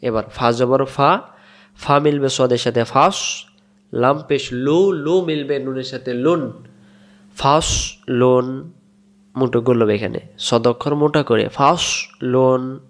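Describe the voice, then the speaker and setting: A man with a Bangladeshi Bengali accent teaching Quran reading, spelling out syllables and repeating each word slowly. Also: medium pitch. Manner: patient, drills syllables and repeats words slowly. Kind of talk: slow spelled-out recitation lesson.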